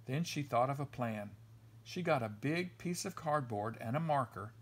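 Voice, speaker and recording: A man with a medium-pitched voice reads a children's story aloud at a normal speed. He's a storybook reader, telling it in an expressive, animated way.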